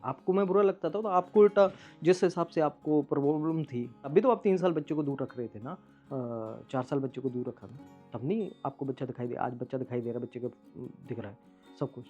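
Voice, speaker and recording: A man's voice: fairly high pitch, warm tone, breathy edge, lo-fi sound. A man vlogging to his followers in an emotional monologue, aggrieved and accusing as he speaks straight to his estranged wife.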